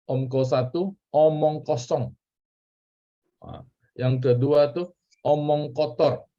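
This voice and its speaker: A man's voice: on the high side, steady tone, slow pace. A man with an Indonesian accent teaching a church Bible class in a casual, chatty way, asking questions and repeating key words. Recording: dull lo-fi recording.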